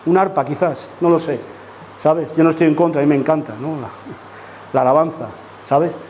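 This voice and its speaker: A man's voice: on the high side, moderate pace, darkish tone, a little hiss or hum. A man from preaching a sermon as pastor, emphatic and full of rhetorical questions to the congregation. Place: church.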